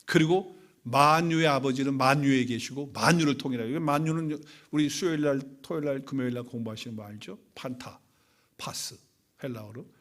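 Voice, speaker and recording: A man's voice: mid-range voice, brisk, fairly bright tone. A male pastor preaching a Sunday sermon in a conversational, storytelling way. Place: church sanctuary.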